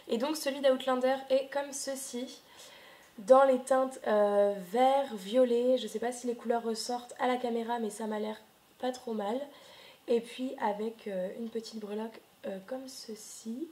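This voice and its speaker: A woman's voice: fairly high pitch, fairly even intonation, measured pace, warm tone. A young woman vlogging casually at home, chatting with many hesitations and fillers into her camera. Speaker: book vlogger. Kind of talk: casual video chat.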